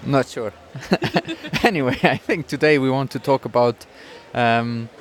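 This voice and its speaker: This podcast co-host from Switzerland chats casually outdoors in a bustling town square, his Swiss accent showing as he sometimes searches for English words. He speaks in a mid-range voice, a little slowly.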